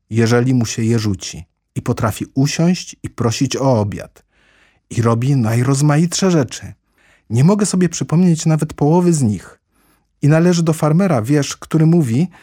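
A man's voice: lowish voice, dark tone, breathy edge, no echo, clean studio sound, full character voice. A man voicing Alice, a polite, chatty little girl who rambles eagerly and apologizes often, in a storybook reading.

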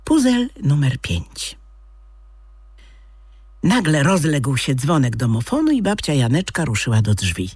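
Husky storyteller, slow and animated, dry close recording. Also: mid-range voice, no echo. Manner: expressive, lively storytelling. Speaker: audiobook reader. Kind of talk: scripted story narration.

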